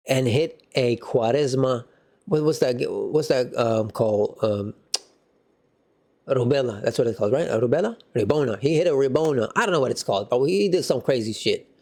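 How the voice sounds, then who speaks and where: An animated man hosts a casual football reaction, talking in slangy, excitable banter. His voice has a mellow, darker tone and sits at an ordinary pitch for a man. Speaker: football fan channel host.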